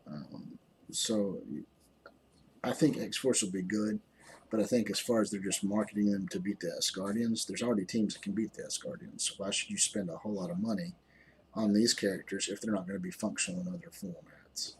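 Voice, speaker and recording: A man with a fairly low voice talks through a mobile game as a YouTuber, tired and rambling, pausing on ums and restarting sentences. A faint room hum sits behind him. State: tired, yawning. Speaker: gaming YouTuber. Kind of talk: casual game commentary.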